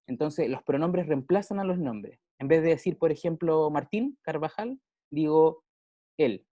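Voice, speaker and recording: A man's voice: on the high side, expressive, unhurried, dark tone, dry recording, muffled recording. A male teacher with a Chilean accent, explaining grammar in a casual way with everyday examples and frequent check-ins with his pupils. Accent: Chilean Spanish. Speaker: English teacher.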